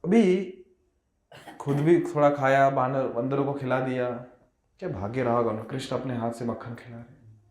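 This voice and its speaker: A man's voice: medium pitch, steady tone, moderate pace, darkish tone. A man telling a devotional story in a sermon, expressively, with many rhetorical questions. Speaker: devotional speaker. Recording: roomy echo.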